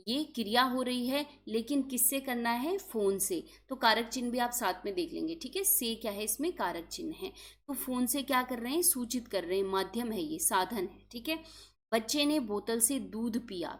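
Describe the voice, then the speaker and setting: A woman teaching an exam-prep grammar lesson, asking herself rhetorical questions and stressing key words. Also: a little high. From India.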